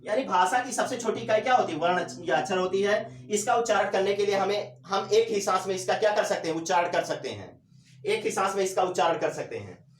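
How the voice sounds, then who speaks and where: A male teacher giving a classroom lecture, asking questions and answering them himself, drawing out words slowly to demonstrate. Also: high-pitched, far from the mic. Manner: drawls syllables slowly to demonstrate. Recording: echoey room.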